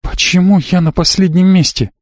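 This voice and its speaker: A woman's voice: on the low side, steady tone, moderate pace, a little mellow, dry recording, clean studio sound, voice pushed up, lightly acted. A man voicing a frightened, pleading girl. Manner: anxious, pleading. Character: frightened pleading young woman.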